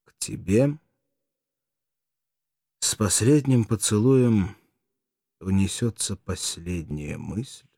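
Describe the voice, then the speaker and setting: A man's voice: on the low side, animated, slow pace, vocal fry, long pauses, dark tone, dry recording, studio quality, exaggerated voice. A man reading out the mournful farewell letter of a doomed male gladiator.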